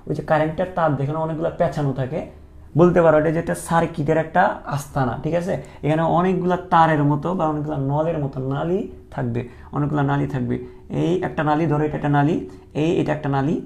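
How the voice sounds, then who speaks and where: Gravelly male teacher drilling key terms. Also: a little high, a little mellow. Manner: repeats key terms as questions, drilling students. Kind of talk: online lecture.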